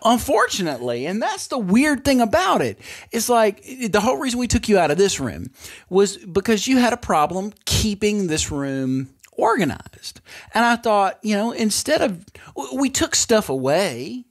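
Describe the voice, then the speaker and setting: A man's voice: high voice, sing-song, moderate pace. A middle-aged man hosting a casual podcast chat from a bedroom at home, rambling and drifting into tangents. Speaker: podcast host and father.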